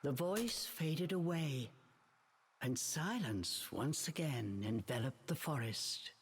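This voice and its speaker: An actress narrating a storybook in a soft, measured way. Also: female voice, sits low, animated, in a large hall, slight background noise. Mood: calm. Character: calm storybook narrator woman.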